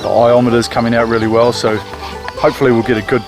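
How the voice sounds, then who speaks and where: A man's voice: mid-range voice, level tone, quick pace, music in the background. A man with a New Zealand accent, talking informally and plainly as a homeowner on a renovation show. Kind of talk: casual chat to camera.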